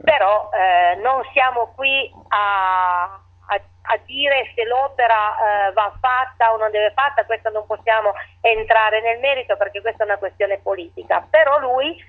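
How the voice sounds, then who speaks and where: Woman mayor speaking over a tinny phone line. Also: a little high. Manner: halting, restarts phrases often. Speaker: town mayor. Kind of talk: phone interview on radio.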